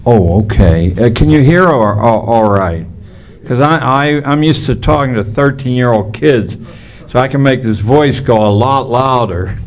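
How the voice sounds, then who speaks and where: A man's voice: mid-range voice, unhurried, muffled recording, a little hiss or hum. A man giving a public lecture, with hesitant starts and a slight lisp from missing front teeth. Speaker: keynote speaker.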